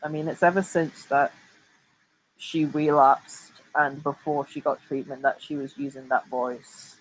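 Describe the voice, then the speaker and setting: A woman's voice: low-pitched, fairly even intonation, measured pace, slight background noise, rough recording. A woman giving casual reaction commentary, full of sarcastic, mocking asides.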